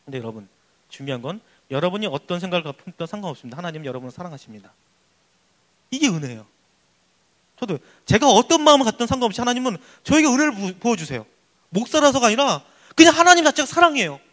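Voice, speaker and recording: A male pastor giving an emphatic, excitable sermon at a church youth service. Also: high voice, fast talker. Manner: excitable, emphatic preaching that acts out prayers.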